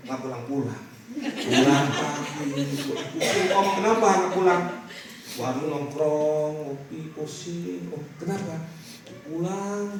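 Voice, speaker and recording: A man preaching a lively, animated church sermon to a congregation, illustrating his points with everyday stories. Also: on the high side, recorded from a distance, background noise. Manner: animated, rising to shouted calls to the congregation. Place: large church hall with a congregation. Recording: echoey church hall, mic from afar.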